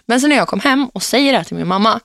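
Animated young woman podcast host. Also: on the high side, vocal fry, no room sound, studio quality. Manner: animated storyteller, acts out quotes, laughs often. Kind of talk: casual podcast chat.

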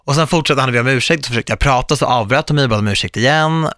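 A man in his thirties, hosting a podcast, telling a personal story in a lively way and acting out the people in it. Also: medium pitch, no echo. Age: 30s. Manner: animated storytelling, quotes others vividly. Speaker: podcast host. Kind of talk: casual podcast chat.

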